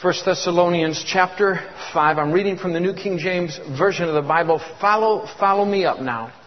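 A fervent, high-voiced man in his 50s preaches as a guest in church at normal speed, repeating his words and drawing responses from the congregation. The sermon is caught in an echoey hall with dull, lo-fi sound.

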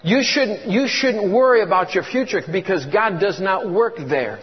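A man's voice: high voice, expressive, moderate pace, slightly rough. A man in his fifties preaching a sermon as a guest preacher, fervent, repeating words and calling for congregation responses. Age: 50s. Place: church. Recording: echoey hall, dull lo-fi sound.

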